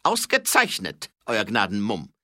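A man voicing a menacing male highway robber who mocks his captive, speaking loudly in a raised voice. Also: wildly swooping pitch, measured pace, no room sound, studio quality, exaggerated voice. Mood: mocking. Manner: mocking, loud and high.

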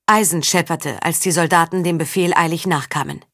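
A woman reading a story aloud as an audiobook narrator, steady and even. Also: deep voice, a little fast, no echo, studio quality. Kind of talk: scripted narration.

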